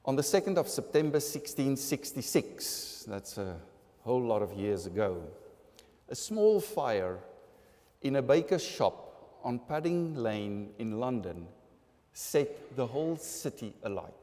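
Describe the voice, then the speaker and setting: A man preaching a sermon as pastor, earnest and unhurried, with light humorous asides. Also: mid-range voice, big pitch swings, dark tone. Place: large church sanctuary. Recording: long church reverb.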